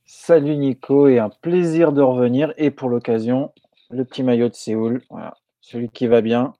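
A man co-hosting a show, running through the lineup in a relaxed, jokey way with some hesitations. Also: medium pitch, normal speed, no echo, lo-fi sound. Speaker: co-host.

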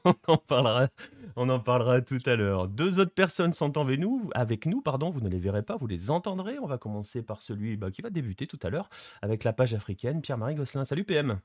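A man's voice: mid-range voice, very animated, fast talker, a little mellow, no room sound, studio quality. A man hosting a casual football show, rambling with many fillers and still with a sore throat after an illness. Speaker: host.

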